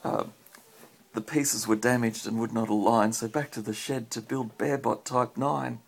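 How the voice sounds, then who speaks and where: Like a parent at bedtime, an Australian man reads from a picture book and talks simply with a child. His voice is husky and creaky, mid-range, with fairly even intonation at a normal pace.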